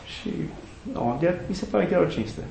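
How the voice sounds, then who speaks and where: Recorded in an echoey room with a noisy background, a middle-aged Orthodox priest and student chaplain speaks animatedly, his voice on the high side with some vocal fry. In a conversational interview, he tells earnest, reflective stories and quotes sayings and saints.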